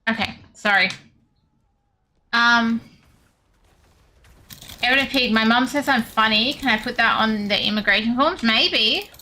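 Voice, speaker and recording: A woman's voice: a little high, measured pace, pauses often, pushed and bright. An Australian woman streaming a game, chatting casually with her viewers and muttering asides to herself as she plays. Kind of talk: casual livestream chat while gaming.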